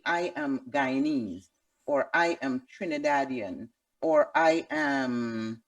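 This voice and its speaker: Low, slow-speaking woman interviewer. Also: no room sound, recorded from a distance. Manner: halting, with many fillers and restarts. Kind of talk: interview questions.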